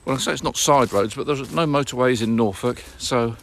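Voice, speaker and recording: British bloke, mid voice, casual ham radio vlog chat, unhurried. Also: male voice, mid-range voice, vocal fry, a little hiss or hum. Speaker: amateur radio operator and vlogger. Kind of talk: casual radio contacts and commentary to viewers.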